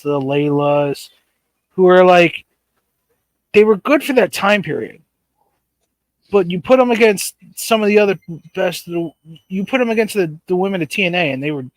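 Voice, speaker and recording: A man's voice: on the high side, moderate pace, long pauses, no room sound. A man co-hosting a wrestling podcast in casual chat, rattling off lists of names with lots of "uh" and "um". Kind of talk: casual chat on a live stream.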